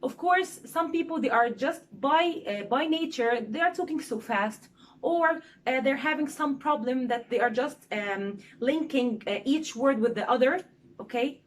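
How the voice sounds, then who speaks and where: A young woman who speaks Egyptian Arabic as a first language, teaching presentation skills in English with a lively, demonstrative manner and many "okay?" fillers. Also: high voice, measured pace.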